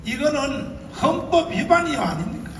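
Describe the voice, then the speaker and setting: Pastor, man, high and animated, shouting rally speech, distant echoey hall recording. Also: normal speed. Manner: shouting, rhetorical questions to the crowd. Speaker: pastor addressing a political rally. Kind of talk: fiery rally speech with call-and-response. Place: large convention hall. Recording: echoey hall from far off, noisy.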